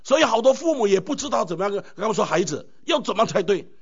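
Animated high-pitched male preacher. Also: fast, husky. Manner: animated preaching with many rhetorical questions. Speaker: pastor. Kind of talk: sermon. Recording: dull lo-fi recording.

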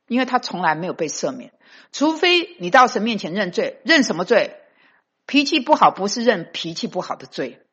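A woman's voice: fairly low pitch, fairly bright tone, breathy edge. A woman preaching a sermon with emphasis, dropping English phrases into her talk. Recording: dull lo-fi recording.

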